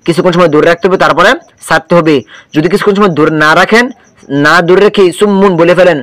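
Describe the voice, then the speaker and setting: A man's voice: sits high, fairly even intonation, quick pace, a bit bright, dry recording. A man teaching Quran reading, patiently drilling letter sounds and quizzing the viewer.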